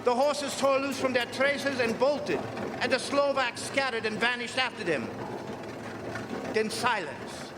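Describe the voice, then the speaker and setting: In a live radio drama, a man with a very high-pitched voice plays a grave, commanding foreign professor who hunts vampires, speaking unhurriedly in a theatrical, emphatic way. The mood is tense and grave. Recorded on a live stage in a reverberant hall, it has loud music and background noise.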